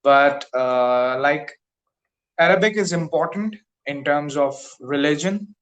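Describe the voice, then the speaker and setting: This Urdu-speaking Pakistani man teaches English over a video call, offering casual conversation practice in a careful, hesitant way full of fillers. He talks slowly, and his voice is fairly high and fairly bright.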